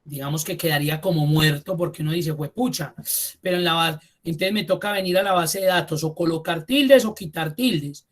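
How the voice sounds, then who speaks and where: Man teaching, repeating key words. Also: fairly high pitch. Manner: repeats key terms slowly for emphasis; addresses students directly and informally. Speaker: computer course instructor. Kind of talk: online class lecture.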